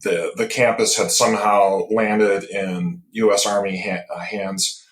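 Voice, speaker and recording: Man, fifties, from Michigan, podcast guest, low voice, reflective storytelling, echoey room. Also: flat delivery. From Michigan, USA. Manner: reflective storytelling, pausing often to find words. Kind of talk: casual interview. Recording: roomy echo.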